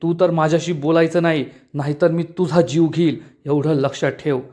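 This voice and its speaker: A man's voice: high-pitched, fairly quick, darkish tone, natural voice. Man voicing a frantic, jilted young woman. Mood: frantic anger. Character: distraught young woman obsessed with her lost love.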